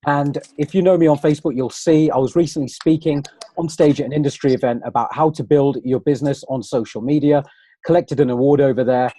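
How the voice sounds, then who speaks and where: A man hosts an online webinar, keeping it casual and conversational as he talks straight to his viewers. His voice is mellow and a little husky, with a pitch a touch above the usual for a man. It comes through a computer microphone on a video call. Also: steady tone, brisk. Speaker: webinar host.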